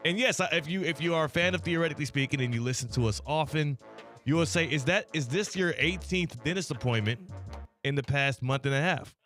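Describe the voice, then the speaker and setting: A man's voice: on the high side, brisk, a bit bright, faint music behind. American man, slightly slurred numb-mouthed radio host. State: mouth half numb from the dentist. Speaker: sports radio show host. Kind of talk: casual radio chat. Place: radio studio.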